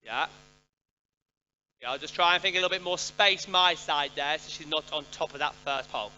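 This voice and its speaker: A man working as a riding coach gives live instruction in brisk, projected commands. His voice is very bright and forceful and sits on the high side. The recording is muffled and band-limited, with music in it. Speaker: riding coach giving a jumping and pole clinic.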